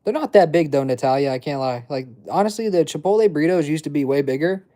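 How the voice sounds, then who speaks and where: Quick and animated, a twenties-aged man streams live, rambling through chat messages in loose slang packed with filler words. His pitch runs on the high side, though his tone is dark.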